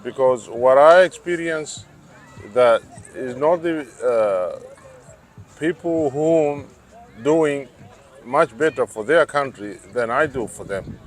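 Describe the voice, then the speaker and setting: A middle-aged man speaks with a Tanzanian accent at a slow pace, in a medium-pitched voice. He answers casually in a street interview, often pausing to search for words. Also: expressive. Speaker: interviewee, biochemical engineer.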